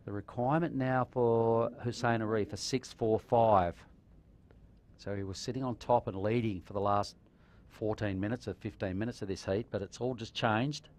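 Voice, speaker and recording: Male live surf announcer, slightly deep voice, easygoing surfer delivery with plenty of slang. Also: steady tone, normal speed, darkish tone. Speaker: surf contest live commentator. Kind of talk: live sports commentary.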